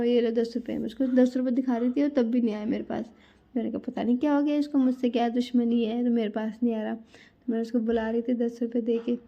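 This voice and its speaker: Gravelly chatty woman vlogger. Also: a little high, mellow, highs cut off. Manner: chatty storytelling, addresses viewers as guys. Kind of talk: casual vlog narration.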